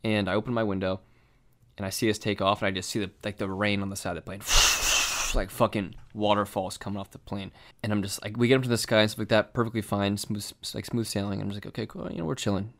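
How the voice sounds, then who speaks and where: A young man telling a story in casual chat, animated and swearing, full of fillers. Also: fairly low pitch, quick pace.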